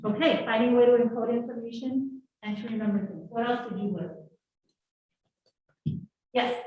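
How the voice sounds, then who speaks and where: In a classroom, a woman instructor runs a live leadership workshop, drawing answers out of her audience with a lively, coaxing manner. Her voice is a little high and her pace normal. The room echoes, and the mic sounds distant and muffled.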